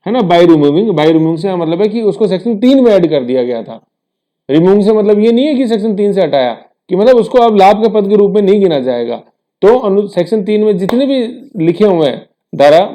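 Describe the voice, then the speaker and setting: A man's voice: fairly high pitch, warm tone. A man teaching an exam-prep lesson in a conversational way, with rhetorical asides to his students and English terms mixed in.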